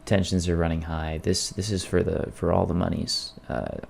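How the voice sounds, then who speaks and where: A man narrating his own gameplay in a casual, wry and self-deprecating storytelling voice-over, with a gravelly creak. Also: deep voice, little pitch movement, normal speed, darkish tone. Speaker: video creator narrating gameplay.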